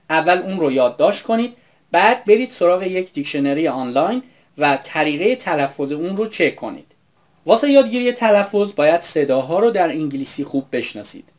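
A man from Iran narrating an English pronunciation lesson in a scripted, explanatory, upbeat way. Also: a little high. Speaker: English teacher.

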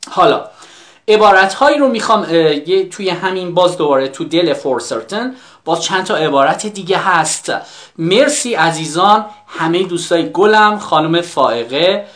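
A teacher giving a live online English lesson in Persian, explaining quickly and then repeating English phrases slowly and spelling them out. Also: medium pitch, fairly bright tone.

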